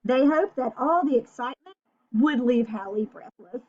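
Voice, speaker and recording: This high, animated woman's voice moves at normal speed and comes across slightly mellow with a touch of roughness. She reads a children's picture book playfully and directs asides and questions to her young listeners, all on a dull, lo-fi recording.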